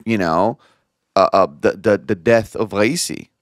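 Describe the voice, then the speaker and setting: A man with an Israeli accent co-hosting a casual podcast, animated and quick to mimic others in quoted voices. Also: on the low side, dry recording, studio quality. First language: Hebrew. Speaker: podcast co-host.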